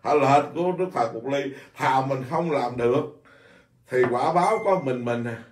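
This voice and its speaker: A man's voice: mid-range voice, moderate pace, reverberant, distant mic. A man, a Buddhist monk, giving an informal dharma talk in a blunt, scolding way, repeating himself often. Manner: blunt, scolding, animated with many repetitions.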